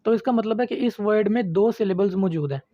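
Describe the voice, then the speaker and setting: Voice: mid-range voice, a little fast, dry recording, highs cut off. An online literature lecturer giving a patient, step-by-step video lesson and addressing viewers as friends.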